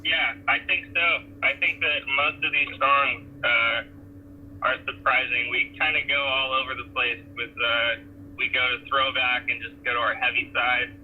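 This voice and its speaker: A man's voice: medium pitch, flat delivery, normal speed, a little hiss or hum. Man on a tinny Bluetooth car phone line. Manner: laid-back, many fillers and restarts. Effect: Bluetooth phone call from a car. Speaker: touring band member being interviewed. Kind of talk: casual phone interview. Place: in a car while driving. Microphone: car Bluetooth hands-free.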